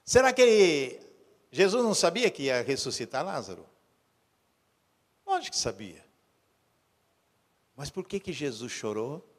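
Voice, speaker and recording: Male pastor with a high voice, preaching in a church hall with long reverb. He swings from hushed storytelling to fervent calls. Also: very animated, measured pace, pauses often. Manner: builds from low quiet storytelling to loud urgent preaching. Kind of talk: sermon.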